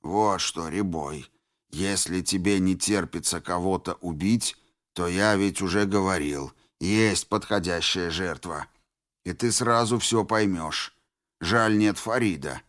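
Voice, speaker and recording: A man's voice: low-pitched, fairly bright tone. Man playing a cold, mocking fat villain. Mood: cold commanding. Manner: slow, cold and commanding.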